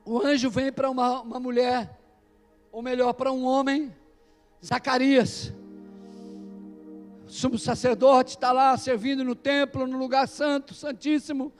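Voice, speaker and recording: High-voiced man preaching an emphatic sermon. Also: flat delivery, a little slow, long pauses, faint music behind. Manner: emphatic preaching, calls out to the congregation. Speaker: pastor. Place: church service.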